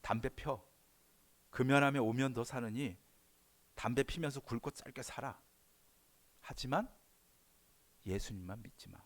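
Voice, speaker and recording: A pastor voicing a sly male devil who tempts people in a low, hushed, coaxing voice. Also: measured pace, long pauses, close to an everyday voice.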